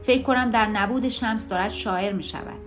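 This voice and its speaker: A woman reading the part of a gentle, motherly wife who speaks with quiet worry, in an audiobook with faint music behind. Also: medium pitch, natural voice. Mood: worried. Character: worried, gentle middle-aged wife.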